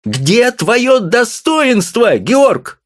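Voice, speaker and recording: A man reading an audiobook, voicing an agitated, shrill little wife who scolds her husband. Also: sing-song, extremely slow, heavily acted. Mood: shrill reproach. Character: shrill furious little wife, middle-aged.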